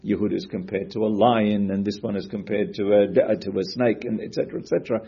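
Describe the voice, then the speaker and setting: Gravelly-voiced man teaching a Torah class. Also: on the low side, a little fast, highs cut off. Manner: questioning, animated, quotes Hebrew sources.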